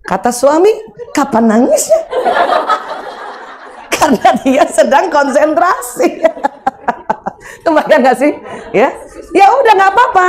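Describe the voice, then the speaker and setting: Speaking in a voice that sits high, this middle-aged lecturer covers parenting and marriage from a religious angle. She keeps it lively and comic by acting out everyday situations.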